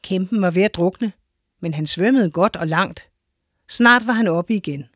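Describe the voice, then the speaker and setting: A woman reading a children's story aloud in a clear, measured storytelling manner. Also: on the low side, a bit bright, no room sound, clean studio sound. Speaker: narrator.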